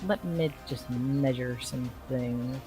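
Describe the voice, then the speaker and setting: Slow-talking tabletop player, mid-pitched, halting, full of ums. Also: music in the background. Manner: slow, hesitant, thinking aloud. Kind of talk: casual chat in a tabletop game.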